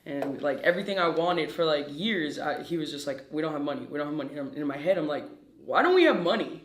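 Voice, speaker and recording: A man's voice: fairly high pitch, animated, fast talker, slight background noise. A man in his twenties from Peru, a guest in a casual interview, talking in a hyper, brash way and swearing freely. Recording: echoey room.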